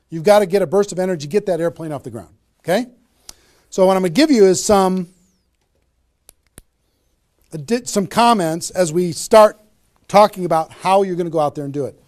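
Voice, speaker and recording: A man giving an energetic motivational seminar talk on network marketing, firing rhetorical questions at a live audience. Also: high voice.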